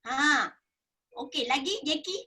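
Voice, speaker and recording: Middle-aged Malaysian-accented woman, bright high voice, animated storyteller in a coaching session. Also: a little slow. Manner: lively storyteller, acts out quoted voices. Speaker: network marketing speaker. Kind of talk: casual coaching talk.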